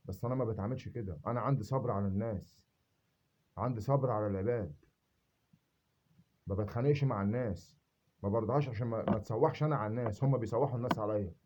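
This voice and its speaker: Brief: indignant Upper Egyptian man, quick defiant monologue to camera, dull lo-fi recording. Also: fairly low pitch, slight background noise. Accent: Egyptian Arabic, Upper Egyptian. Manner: indignant, repeats rhetorical questions, swells to loud emphasis. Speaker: self-made video speaker.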